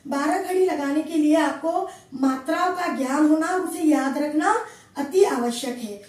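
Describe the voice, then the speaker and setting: A woman teacher explaining letters slowly and patiently, saying each syllable twice. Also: high-pitched, darkish tone, very echoey, recorded from a distance. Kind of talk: slow classroom explanation.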